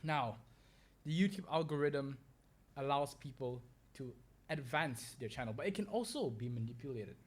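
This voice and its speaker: A man's voice: mid-range voice, animated, normal speed. A young man hosting a solo podcast, rambling with fillers and restarts as he talks. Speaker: podcast host.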